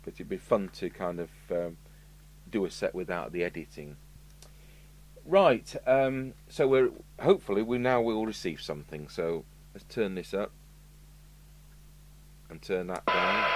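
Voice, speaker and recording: A low-pitched, animated British voice moves a little slowly and pauses often. The speaker, a radio repair technician presenting a review, chats to himself in a casual, matter-of-fact, musing way while working in an indoor electronics workshop, with clear background noise and an electrical hum.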